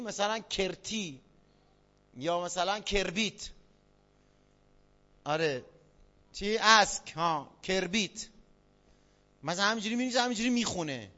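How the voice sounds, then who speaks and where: High bright-voiced man lecturing a class. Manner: quizzes listeners, spells out examples. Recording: dull lo-fi sound.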